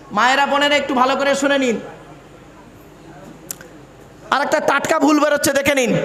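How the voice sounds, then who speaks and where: A man's voice: very high voice, a bit bright. A man preaching at a large gathering, quizzing his audience and reciting verses in a sing-song tone. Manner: quizzes the crowd with questions. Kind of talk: sermon at a religious gathering. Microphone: microphone over speakers. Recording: echoey hall reverb, faint ambience.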